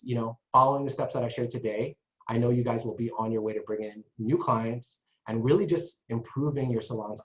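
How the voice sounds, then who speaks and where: A man giving a casual marketing webinar to salon owners, chatty and constantly checking in with the listeners. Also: on the low side. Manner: chatty, tags sentences with "right?". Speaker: marketing consultant presenter. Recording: echoey dull lo-fi online call.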